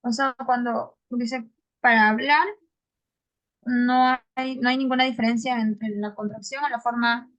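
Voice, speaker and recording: A woman's voice: a little high, flat delivery, unhurried, a bit bright, lo-fi sound. A female student asks a question on a video call, hesitant and thinking aloud as she goes. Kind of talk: asking a question in class.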